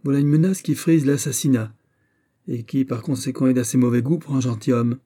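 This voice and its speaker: Casting: male reader as a haughty, phlegmatic English duke, dark husky voice. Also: medium pitch, a little fast, pitched above the performer's own voice, close to an everyday voice.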